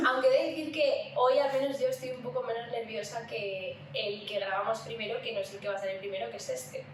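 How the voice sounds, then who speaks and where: Co-hosting a podcast from a room at home, a woman with a Spain Spanish accent keeps things casual and playful. She talks fairly quickly in a slightly high voice with fairly even intonation, captured on a distant mic in a very echoey room with faint noise.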